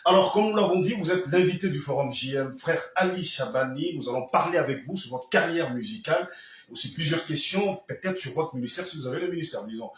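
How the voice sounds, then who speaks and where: A man's voice: fairly high pitch, reverberant. A man hosting a studio interview, probing his guest and repeating answers back. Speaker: show host.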